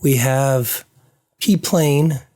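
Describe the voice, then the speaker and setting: This man, a game developer, talks himself through building a game on screen, murmuring and drifting off as his voice fades. His mid-range voice is warm, and he draws out his words.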